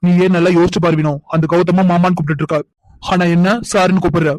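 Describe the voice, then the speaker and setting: A man's voice: high voice, level tone, quick pace, darkish tone, no echo, lightly acted. A man voicing a young man in a cartoon who pleads with his partner and apologizes. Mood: defensive. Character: young man Karthik, remorseful fiancé. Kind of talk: cartoon dubbing.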